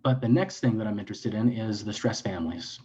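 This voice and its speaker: A man's voice: lowish voice, a little fast, dark tone, lo-fi sound, slight background noise. A man speaking as a clinician guest in an interview, explaining in an earnest, lecturing way with frequent restarts and self-corrections.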